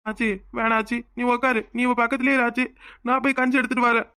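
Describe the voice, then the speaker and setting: A woman voicing an emotional young village husband in a cartoon, with a Tirunelveli Tamil accent, pleading and quick to flare up. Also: on the high side, level tone, pushed and bright, no echo, studio quality. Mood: earnest. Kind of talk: cartoon voice acting.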